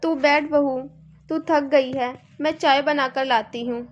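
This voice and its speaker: A woman's voice: high-pitched, steady tone, unhurried, highs cut off. A woman voicing a bossy, complaining middle-aged mother-in-law in a cartoon, nagging and scolding.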